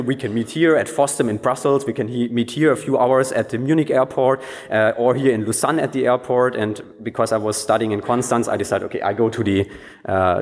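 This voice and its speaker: Guy telling a story at a conference, lots of ums and restarts, mid voice, hall echo. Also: medium pitch. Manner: hesitant, many fillers and restarts, laughs often. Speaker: conference speaker. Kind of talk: anecdotal conference talk. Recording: long hall reverb.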